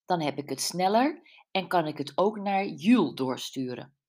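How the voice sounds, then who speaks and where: A woman's voice: fairly low pitch, expressive, moderate pace, a little mellow. A woman voicing a friendly, matter-of-fact woman in her forties in an audiobook. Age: 40s. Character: friendly woman near fifty, a curious sleuth.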